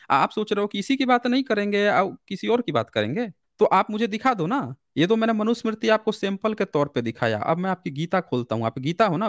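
A man's voice: sits high, dry recording, clean studio sound. A man hosting a live call-in show, arguing with a caller and firing off one pointed question after another. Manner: argumentative, rapid-fire questioning. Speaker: host. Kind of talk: heated debate with a caller.

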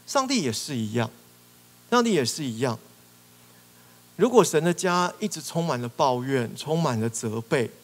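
Animated pastor preaching in a reverberant hall. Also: male voice, medium pitch. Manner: animated, acting out prayers and cries with rising emphasis. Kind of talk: sermon. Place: church hall.

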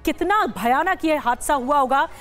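A woman's voice: high-pitched, animated, normal speed, a bit bright, faint music behind. A woman news anchor narrating breaking news in an urgent, dramatic tone, often asking the viewer to imagine the scene.

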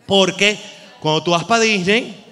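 A man's voice: sits high, measured pace, pushed and bright, long reverb tail. A man with a Venezuelan accent doing a rambling, exasperated, crude stand-up comedy monologue. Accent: Venezuelan Spanish.

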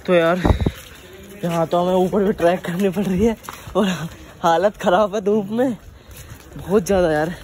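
A man's voice: sits high, fairly even intonation, normal speed, long pauses. A young man chatting casually and teasing a friend while vlogging on a phone outdoors. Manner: joking, teasing banter with a friend. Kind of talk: casual travel vlog chat. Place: outdoors on a riverside and hill trail. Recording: outdoor crowd and traffic behind.

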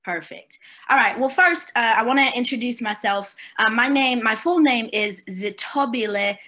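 Speaking from home on a video call, a Swazi woman in her forties delivers a virtual keynote in a bright, clear voice on the high side. Her style is easygoing and conversational, with filler pauses and frequent check-ins with her audience.

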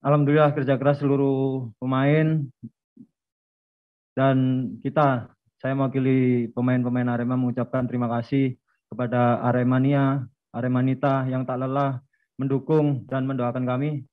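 A man's voice: medium pitch, little pitch movement, moderate pace. A man, a football player, giving formal and grateful answers at a post-match press conference. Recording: dull lo-fi sound.

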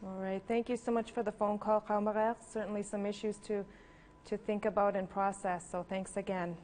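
A woman's voice: medium pitch, flat delivery, normal speed, a little mellow. A woman hosting a live phone-in interview in a television studio, polite and composed. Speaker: television host. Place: large television studio, indoors.

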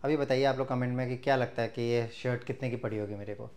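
A fashion vlogger in his twenties from India chats casually to viewers during a clothing haul, talking to them directly and mixing Hindi with English. He speaks fast, with a medium-pitched, darkish voice and fairly even intonation, recorded indoors on a clip-on lapel mic.

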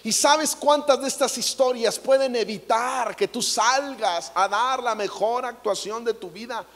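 A high-pitched Mexican man telling stories in a jokey, animated way before an audience. His voice carries a long echo in a large hall. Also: measured pace. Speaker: motivational speaker. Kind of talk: comic inspirational talk.

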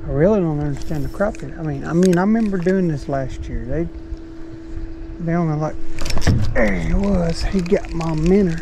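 Recorded on a head-mounted action camera amid faint outdoor noise, a middle-aged man narrates casually while fishing from a small boat in a shaded swamp. His fishing-vlog voice is a little high and creaky, at normal speed, with a laid-back, folksy manner.

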